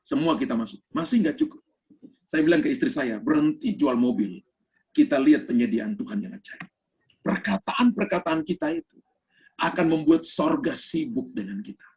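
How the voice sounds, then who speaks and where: A man's voice: mid-range voice, lively intonation, normal speed, darkish tone. A man preaching a sermon over a video call, emphatic and storytelling, slipping English phrases into his talk. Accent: Indonesian. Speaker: pastor.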